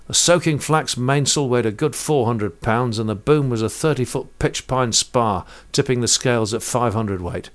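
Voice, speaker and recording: A man with a mid-range voice narrates a first-person sea story, vivid and measured, rich with sailing terms.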